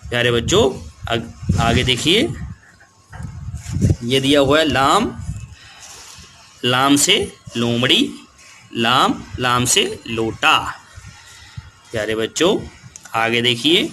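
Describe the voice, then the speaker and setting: A man teaching an Urdu lesson to young children, speaking slowly and patiently and repeating each word. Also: mid-range voice, lively intonation, sharp tone, slight background noise. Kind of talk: slow classroom lesson.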